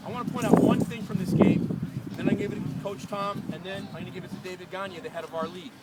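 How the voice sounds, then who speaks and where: A man's voice: sits high, level tone, fast. A man coaching youth football, giving an emphatic, rallying post-game speech to his team outdoors. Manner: emphatic, rallying, addressing a group. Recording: very noisy outdoor recording.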